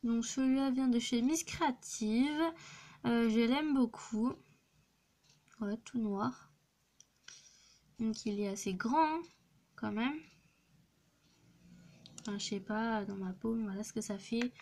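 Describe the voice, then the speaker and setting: Slow and a little mellow, often pausing, a young teen craft vlogger narrates a casual show-and-tell of her clay creations on her phone. Her voice is on the high side, and she hesitates with lots of fillers and restarts.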